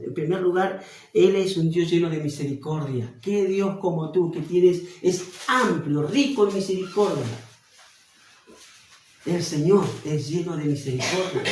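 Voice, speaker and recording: A man from Argentina with an Argentine Spanish accent, preaching a Bible study sermon as pastor. He slows down and swells on key phrases. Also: high voice, a little mellow. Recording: roomy, from a distance off mic.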